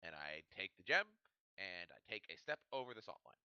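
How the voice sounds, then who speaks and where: A man playing a tabletop game, bantering casually in a rambling, halting, jokey way. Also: low voice, sing-song, sharp tone, clean tone, no echo, lo-fi sound.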